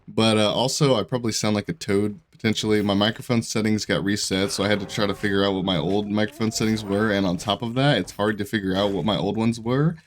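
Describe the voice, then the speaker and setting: His fairly low, steady voice rushes along with hardly any pauses, stuffy from congestion and a sore throat. The young YouTuber chats casually about the game he's playing, rambling, restarting sentences, and laughing frequently.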